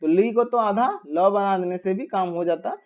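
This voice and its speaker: A man's voice: high-pitched, moderate pace, a little mellow, muffled recording. A man teaching a grammar lesson, patiently repeating each step and asking rhetorical questions as he writes on a board.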